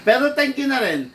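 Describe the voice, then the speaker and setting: Bright-voiced man hosting a stream. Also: extremely high pitch. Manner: chatty, laughs easily, greets viewers. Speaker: airsoft live-stream host. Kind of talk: casual live-stream chat. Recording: distant mic, faint background noise.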